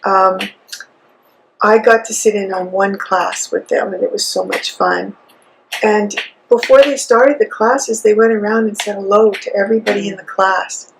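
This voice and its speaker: A woman's voice: medium pitch, fairly even intonation, moderate pace, slight background noise, low-quality recording. A woman co-hosting a casual yarn shop podcast, a friendly knitter telling fond stories. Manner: friendly, gravelly, fond storytelling.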